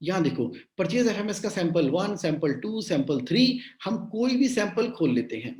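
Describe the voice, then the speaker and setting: A man coaching business owners in a live online session, animated and repeating his phrases, mixing English into his talk. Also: fairly high pitch, roomy sound. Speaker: cash flow coach.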